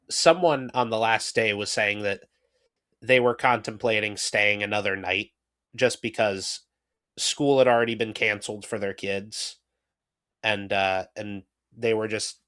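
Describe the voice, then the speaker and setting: A man's voice: fairly low pitch, fairly even intonation, a little slow, pushed and bright. A man co-hosting a casual podcast, telling stories in a dry way. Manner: dry storytelling, frequent backchannel. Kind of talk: casual live-stream chat.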